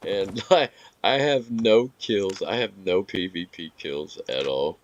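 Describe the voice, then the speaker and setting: A man giving relaxed, rambling commentary over his gameplay, with filler words and some hiccups. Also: low-pitched, slow pace, lo-fi sound, slight background noise. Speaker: gaming video creator.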